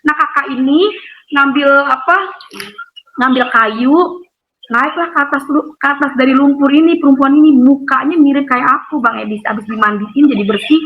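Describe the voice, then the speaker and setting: A woman giving an emotional personal testimony over a phone call, rambling and animated with many fillers. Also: high-pitched, normal speed. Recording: tinny phone line with faint noise.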